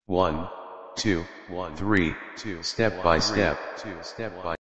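A man counting slowly in a measured chant, run through a digital echo effect that repeats his words. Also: sits low, a bit bright. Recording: long reverb, dull lo-fi sound.

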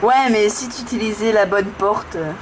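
A woman giving casual, excitable horror game commentary, urging the player on. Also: moderate pace. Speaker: gaming video host. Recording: noisy room, low-grade camera audio.

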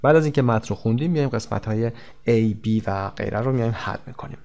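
A man teaching an English textbook lesson, reading the English examples slowly and clearly and then explaining them quickly. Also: fairly low pitch, darkish tone, lo-fi sound.

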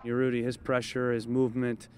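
A man in his thirties, a head coach, giving a measured postgame interview outdoors at night, with lots of "you know" and "um" as he thinks. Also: medium pitch, monotone, darkish tone, a little hiss or hum. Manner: thoughtful, measured, frequent fillers. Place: outdoors at a training field at night. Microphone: handheld interview mic held close.

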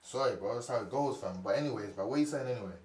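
An actor playing an angry young street hustler, heated and swearing on the phone. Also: male voice, medium pitch, rapid-fire, darkish tone, echoey room, lightly acted. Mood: scheming. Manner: heated, swearing, slang-heavy.

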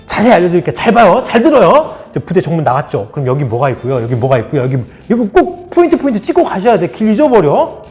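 Man putting on a veteran sergeant, calm, instructive, low-key, close to his own voice. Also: quick pace, soft background music. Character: veteran male sergeant guiding a new officer patiently.

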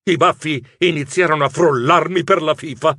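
A man narrating a children's audiobook in first person as a nervous mouse writer, in an expressive storytelling voice. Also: on the high side, normal speed.

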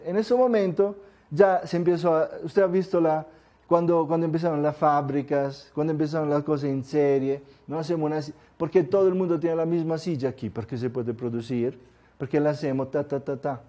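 Male lecturer, slightly high mellow voice, lively, acts out examples for the crowd. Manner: lively, asks the audience rhetorical questions. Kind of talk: live lecture to an audience.

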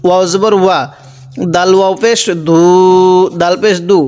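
A man's voice: high-pitched, fairly even intonation, moderate pace, darkish tone, clear, resonant tone, soft background music. A man teaching Quran reading, spelling out Arabic letters one by one and then chanting the words drawn out. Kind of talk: slow spelling-out recitation lesson. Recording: long hall reverb.

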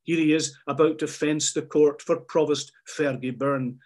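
A man's voice: fairly high pitch, fairly even intonation, moderate pace, darkish tone. A man reading a scripted documentary narration.

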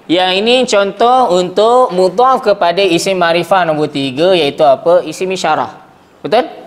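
Male language teacher, high pitch, lively classroom lecturing, keeps checking the class follows. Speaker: Arabic grammar teacher.

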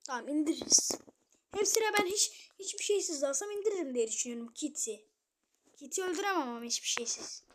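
A young woman casually commenting on her gameplay, muttering to herself and then shouting at opponents. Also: high voice, lively intonation, quick pace, a little hiss or hum. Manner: chatty, swings between muttering and loud outbursts at opponents. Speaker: gamer streamer.

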